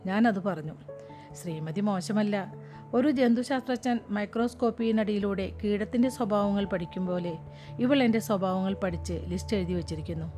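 A woman narrating a humorous short story in a steady, wry storytelling manner. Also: mid-range voice, normal speed. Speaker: story reader. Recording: music playing behind.

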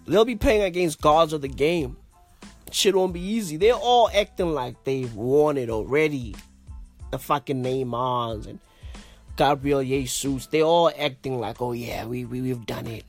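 A man with a blocked-up nose hosting a casual solo podcast from his bed, swearing often and repeating himself in loose slang. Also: on the high side. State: congested, blocked-up nose and sinuses. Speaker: podcast host.

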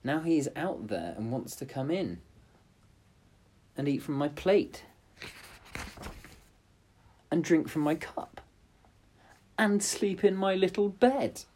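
A man voicing a spoiled, squeamish young princess in a storybook reading, high and pleading. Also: lively intonation, takes it slowly, long pauses, a little mellow. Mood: fretful.

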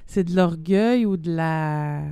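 Middle-aged Québécois woman, lowish mellow voice, dry sound, hesitant casual chat. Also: slow pace, clean tone, no echo. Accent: Québécois French. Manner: chatty, hesitant with fillers and repeats.

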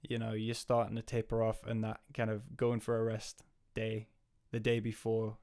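A man's voice: on the low side, completely flat delivery, normal speed, darkish tone. Rambling male coach chatting. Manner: rambling, with many fillers and restarts. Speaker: guest, coach. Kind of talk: casual chat.

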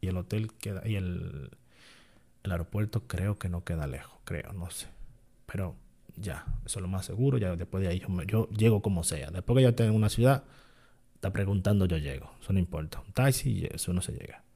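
Gravelly low-voiced man. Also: a little fast, warm tone. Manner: rambling, often restarts and self-corrects. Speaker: online seller and channel creator. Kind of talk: casual vlog monologue.

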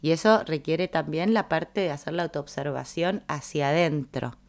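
A woman with a Rioplatense Spanish accent giving a reflective, casual talk on personal growth, thinking aloud and acting out quoted lines. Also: normal speed. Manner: acts out quoted dialogue with raised pitch; musing, thinking aloud with fillers.

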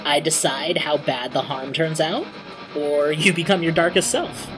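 A man's voice: a little high, measured pace, low-quality recording. Male game master, informal narrator and rules referee, music underneath. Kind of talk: narrating a tabletop game, casual. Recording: music playing behind the voice. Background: background music.

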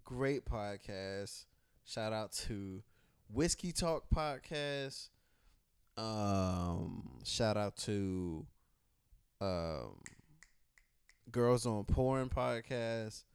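This man hosts a podcast in a slow, easygoing, profane drawl. His voice is slightly low and smooth. He is recorded close on a dry, clean mic. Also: animated, dry recording. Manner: profane, laid-back, drawn-out shout-outs. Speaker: podcast host. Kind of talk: casual podcast chat.

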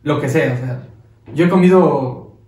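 A man's voice: fairly high pitch, unhurried, darkish tone. A man co-hosting a casual podcast, telling rambling stories in loose slang. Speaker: podcast co-host. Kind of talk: casual comedic chat. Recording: echoey room.

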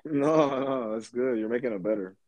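A laid-back comedian chatting casually, swearing often and trailing off with fillers. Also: male voice, medium pitch, normal speed, darkish tone, no echo, dull audio. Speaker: comedian guest. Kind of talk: casual podcast chat.

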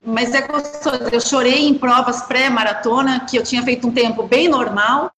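A woman's voice: a little high, normal speed, a little hiss or hum. Chatty woman, echoey room. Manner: chatty, animated storyteller. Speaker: guest, journalist and runner. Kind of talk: casual interview chat.

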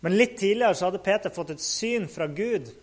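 Man narrator, somewhat high voice, casual retelling, fillers and hesitations. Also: animated. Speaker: storyteller. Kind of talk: casual Bible story narration.

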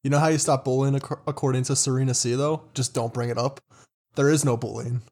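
A man's voice: medium pitch, steady tone, quick pace, darkish tone. A man chatting casually, giving wry, opinionated takes. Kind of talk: casual chat.

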